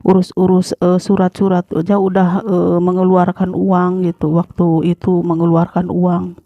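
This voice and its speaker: An Indonesian woman telling her own story casually, halting with many fillers and frequent throat clearing. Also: fairly low pitch, monotone, dry recording. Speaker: former migrant worker telling her story. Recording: dull lo-fi sound.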